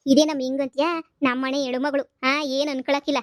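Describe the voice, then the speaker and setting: A woman's voice: high-pitched, level tone, normal speed, dry recording, studio quality, lightly acted. A woman voicing a scheming elderly village mother-in-law who pleads and guilt-trips. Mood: pleading. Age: older. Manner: rustic village dialect, whining guilt-tripping.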